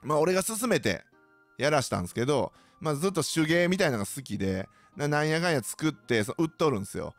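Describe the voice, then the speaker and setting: Lively Kansai man chatting on a podcast. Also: on the high side, quick pace, soft background music. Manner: animated, joking, mimics others' voices. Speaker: podcast host. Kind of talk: casual solo storytelling.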